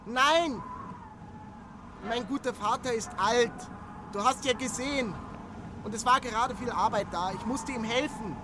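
An actor playing Barnabas, a humble, dutiful young village messenger in a radio drama. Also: male voice, very high-pitched, a little slow, long pauses, noisy background.

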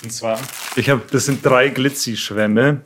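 A man's voice: mid-range voice, fairly even intonation, a little slow, background noise. A man chats casually during a home visit, apologetic and often laughing. There is faint crinkling and clicking in the background. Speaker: podcast host on a visit. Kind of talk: casual chat.

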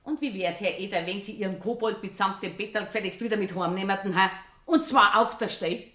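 A woman's voice: medium pitch, fast talker, fairly bright tone, natural voice. A woman with a Bavarian accent playing an impatient, scolding housewife in a radio play. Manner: scolding, exasperated. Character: sharp-tongued landlady, impatient and scolding. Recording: roomy studio recording.

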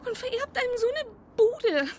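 An actress playing an irritable woman muttering sarcastic rants to herself as she clears out a house. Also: extremely high pitch, big pitch swings, normal speed, slight background noise. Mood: grumbling. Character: irritable woman sorting an inherited house, grumbling.

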